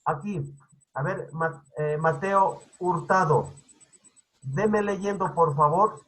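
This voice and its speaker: A man's voice: fairly high pitch, slow pace, fairly bright tone, rough recording. A male teacher giving an online class over a video call. He keeps checking understanding with "¿sí?" and repeats his points. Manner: repetitive, instructive.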